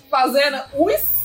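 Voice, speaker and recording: Animated, high-voiced woman telling stories. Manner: animated storytelling, laughs often. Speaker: podcast co-host. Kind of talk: casual chat.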